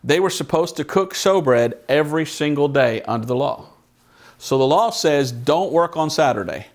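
A man's voice: a little high, lively intonation, normal speed. A man preaching a Bible study in church, telling stories in a chatty way and putting questions to the congregation. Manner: conversational storytelling, asks the congregation questions.

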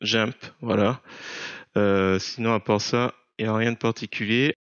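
A man narrating an unscripted software screencast, explaining step by step in a hesitant, halting way. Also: fairly low pitch, fairly even intonation, clean tone, dry recording, dull audio. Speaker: software tutorial presenter.

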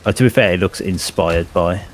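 A man's voice: deep voice, brisk, a little hiss or hum. A man chatting casually while playing a co-op game, playful and fond of repeating words in a silly voice. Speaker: co-op gaming partner. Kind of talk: casual gameplay chat.

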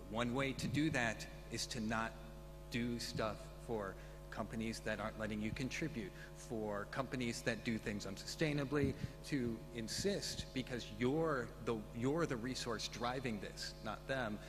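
A man speaking emphatically but conversationally on a conference panel in a large, very echoey room. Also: fairly low pitch. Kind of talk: conference question-and-answer discussion. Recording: very echoey hall.

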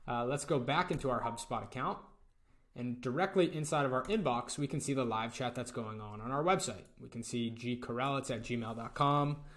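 A young man narrating a screen-recorded software tutorial in a relaxed, step-by-step way. His voice sits at an ordinary middle pitch. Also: moderate pace. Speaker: tutorial presenter.

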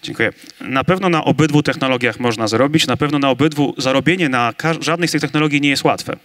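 A man speaking on a large conference stage with a handheld mic, arguing his side in a staged debate with emphatic, energetic delivery. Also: mid-range voice, fast talker. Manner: energetic, emphatic, building to big claims. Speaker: conference debater on augmented reality.

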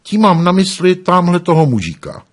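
Brief: man doing a small fat merchant, calm and smug, lively pitch.

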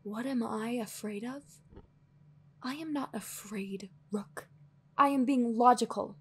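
In a dramatic audio roleplay, a woman voices a weary, guarded sorceress who is anxious, fiercely logical and secretly lonely. Her voice is breathy, husky and a little high, and she speaks slowly, earnestly and defensively, with hesitant, sighing phrasing.

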